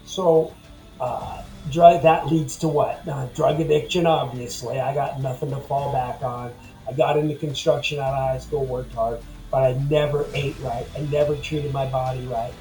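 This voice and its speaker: A man's voice: mid-range voice, fairly even intonation, normal speed, warm tone, reverberant, soft background music, poor audio. A man in his fifties talking bluntly and ramblingly in a casual personal monologue to camera. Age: 50s. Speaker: vlogger.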